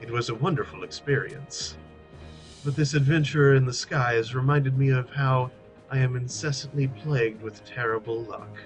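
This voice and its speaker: A man's voice: medium pitch, normal speed, faint music behind, natural voice, poor audio. A man voicing a courteous, melancholy knight adventurer in a formal way. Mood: courteous, rueful.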